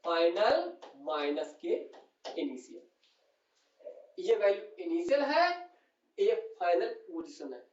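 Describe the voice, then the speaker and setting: High-voiced male teacher, distant and roomy. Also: sing-song, slow pace, long pauses, darkish tone. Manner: calls students "beta", asks and answers his own questions. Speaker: physics teacher. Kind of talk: explaining on a whiteboard. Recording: distant, roomy and dull classroom recording.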